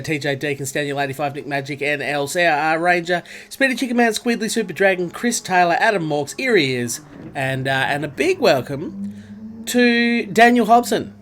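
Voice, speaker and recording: An Australian man streaming a racing game chats casually with viewers, greeting them by name. His voice is a little high and a bit bright, but stuffy and nasal from a cold.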